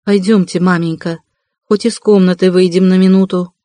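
A reader voicing a proud young woman, quick to flare up yet gentle with her brother. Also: medium pitch, fairly even intonation, dry recording, close to an everyday voice. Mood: earnest. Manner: hushed then indignant.

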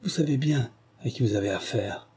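A worried man urgently begging his friend to be careful, in a male reader's voice. The tone is dark and husky, close to the reader's own. Storybook aside. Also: medium pitch, fairly quick. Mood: pleading. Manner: urgent and pleading. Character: anxious man pleading in a whisper-close aside.

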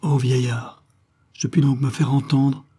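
A man's voice: fairly low pitch, a little slow, warm tone, husky. A man voicing a proud, worn-out royal woman in exile, declaiming in a lofty, solemn way. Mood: bitter joy.

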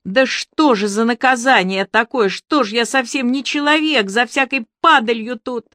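A woman reading the part of a tearful, desperate young female bartender, raised in pitch. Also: moderate pace, fairly bright tone, no room sound, clean studio sound, close to an everyday voice.

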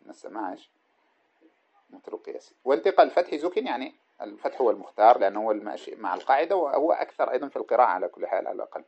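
Fast-talking man teaching Arabic grammar. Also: mid-range voice, very animated, highs cut off. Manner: explains with frequent rhetorical questions to students; reads a text aloud, then comments on it. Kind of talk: classical Arabic grammar lesson.

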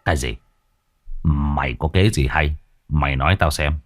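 A man voicing a gruff, hard-of-hearing village chief who is short-tempered and swears at his servant in a storybook reading. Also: a bass voice, moderate pace, a little hiss or hum, pitched below the performer's own voice. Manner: gruff, curses, barks orders.

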